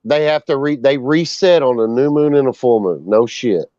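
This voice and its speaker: A man's voice: medium pitch, lively intonation, normal speed, warm tone, no room sound. A man on a group call talking fishing, emphatic and cursing freely, who keeps asking "you know.". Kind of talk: casual group chat. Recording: dry, dull lo-fi call audio.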